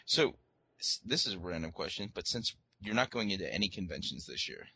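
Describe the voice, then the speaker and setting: A man's voice: sits low, lively intonation, fairly quick, bright, forceful tone, a little hiss or hum. A man co-hosting a casual podcast, rambling along with many fillers and encouraging his co-host. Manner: rambling, filler-heavy, supportive.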